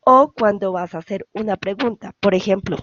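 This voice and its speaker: A woman's voice: mid-range voice, moderate pace, fairly bright tone, no room sound, dull audio. A woman with a Colombian Spanish accent, an English tutor patiently explaining grammar over a video call and often checking for questions. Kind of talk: online class explanation.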